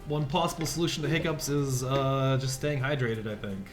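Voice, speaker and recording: A man casting a digital card game tournament, calmly explaining plays and rules as they happen. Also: mid-range voice, moderate pace, soft background music. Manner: explanatory, relaxed, gives rules tips. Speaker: esports caster. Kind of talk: play-by-play commentary.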